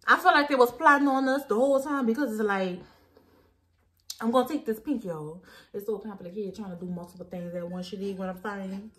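A woman's voice: mid-range voice, brisk, fairly bright tone. Tipsy young woman, rambling. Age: young adult. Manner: slangy, profane, repeats herself. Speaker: makeup vlogger. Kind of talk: casual storytelling chat. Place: small dim room indoors. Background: faint music.

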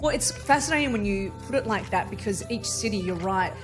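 A woman in her forties from Vietnam, raised in Australia, chatting as a guest journalist in a casual, self-mocking way, laughing often, into a studio boom mic. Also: lively intonation, brisk, music in the background. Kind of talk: casual interview chat. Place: studio with neon-lit backdrop. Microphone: studio mic on boom arm.

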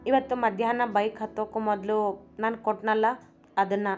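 A woman voicing a young wife who is shy yet cheeky, speaking quickly in a storybook reading. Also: mid-range voice, fairly even intonation, darkish tone, faint music behind, lightly acted. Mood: teasing. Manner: timid then teasing, quick delivery.

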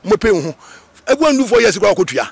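A man from Ghana answers questions in a casual interview, rough and gravelly in tone with a husky edge. He talks fast and emphatically, his pitch swinging widely as he repeats himself for stress. Now and then he breaks into a snatch of song. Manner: animated, emphatic, with repetitions and sudden sung phrases. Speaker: interviewee, Rastafarian.

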